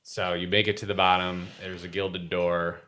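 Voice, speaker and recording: A man acting as game master, narrating a tabletop fantasy game casually and haltingly as he searches for words. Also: sits low, flat delivery, sharp tone.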